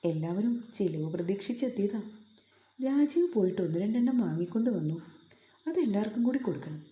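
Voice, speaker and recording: Woman, story narration, very dark mellow tone, echoey room. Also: medium pitch, lively intonation, fairly quick, lo-fi sound.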